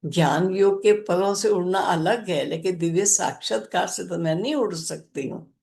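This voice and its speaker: An older woman, a spiritual teacher, gently recounting a personal experience in a spiritual discourse. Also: lowish voice, normal speed, vocal fry.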